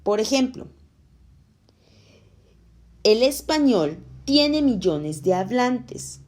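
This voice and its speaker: A woman reading a scripted lesson for schoolchildren, explaining slowly and clearly. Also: fairly high pitch, big pitch swings, a little mellow. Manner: slow, clear, explaining to children. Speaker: teacher.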